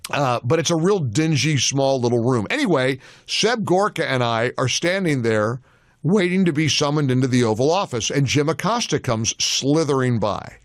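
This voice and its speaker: A man hosting a talk radio show, telling an anecdote as an animated storyteller in a studio. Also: medium pitch, moderate pace, dry recording.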